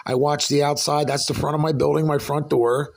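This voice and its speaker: A man rants to his camera from his apartment, telling a long story of a neighbor feud. He rambles and swears freely, heated and blunt. His voice sits a little high for a man. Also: little pitch movement, a little fast, creaky. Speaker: vlogger recounting a dispute with a neighbor. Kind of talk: casual angry rant to camera.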